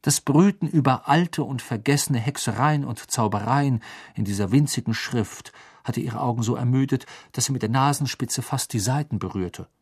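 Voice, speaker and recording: A man reads a fantasy audiobook in a calm, measured narration. His voice is husky and sits in a middling range. The delivery stays steady between the character voices. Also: mid-range voice.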